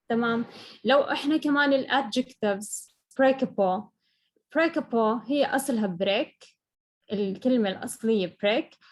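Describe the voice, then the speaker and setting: Woman teaching, high voice. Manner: explains patiently, checks in with "okay?". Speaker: English teacher. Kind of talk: classroom lesson.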